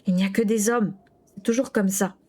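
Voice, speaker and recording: Easygoing young man with a teasing, relaxed delivery, as a woman reading aloud gives him lines. The voice stays close to the reader's own. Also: medium pitch, normal speed, husky, lightly acted.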